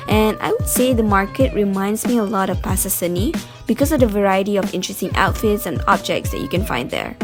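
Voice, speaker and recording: A woman's voice: medium pitch, expressive, a little fast, few pauses. A young woman, giving a chatty, playful voice-over narration for her travel vlog. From Malaysia. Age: 20s. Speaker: vlogger. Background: music.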